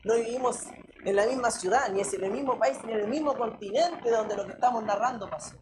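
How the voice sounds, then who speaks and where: A woman's voice: a little high, brisk, background noise. A woman with a Chilean accent preaching a sermon, speaking emphatically, asking many rhetorical questions and often turning to her listeners as brother.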